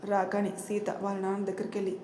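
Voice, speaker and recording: A woman narrating an audio story in a steady storytelling read. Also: mid-range voice, quick pace, echoey room, a little hiss or hum.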